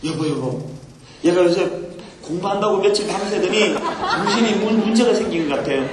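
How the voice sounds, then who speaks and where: A man voicing a worried mother ant who quietly tells her husband their son has lost his mind. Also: high-pitched, animated, normal speed, pitched below the performer's own voice. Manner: hushed, fretting. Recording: echoey hall with crowd noise.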